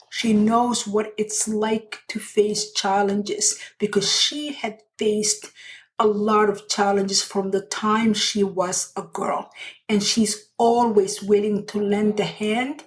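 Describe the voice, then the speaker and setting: A middle-aged woman from Somalia, hosting a personal storytelling podcast in an earnest, unhurried way with pauses and restarts. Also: mid-range voice, rough recording. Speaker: podcast host.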